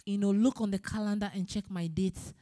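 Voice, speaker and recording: A woman from Ghana speaking earnestly and personally on a panel, pausing and restarting as she talks. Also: medium pitch, fairly even intonation, mellow. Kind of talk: panel discussion. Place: conference room.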